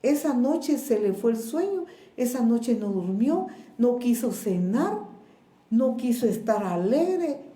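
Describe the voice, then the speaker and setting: Slow-preaching Guatemalan woman pastor. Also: on the high side, very animated, dark tone, reverberant. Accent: Guatemalan Spanish. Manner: slow, measured preaching with pauses and repeated words. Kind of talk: sermon. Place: church.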